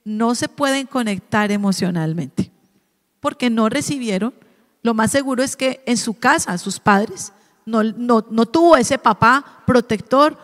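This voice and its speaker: A woman with a high voice preaches to a family congregation. She talks in a lively, interactive way, asks the room questions and acts out parents as she goes. Her voice rings with the long reverb of a church hall.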